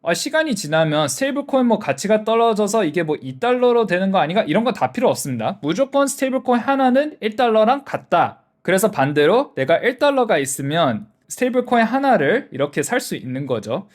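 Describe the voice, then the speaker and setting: Male explainer host from South Korea: higher-than-average voice, very animated melody, casual simple teaching with everyday examples. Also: fairly quick, hardly any pauses. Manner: explains step by step with simple examples and rhetorical questions.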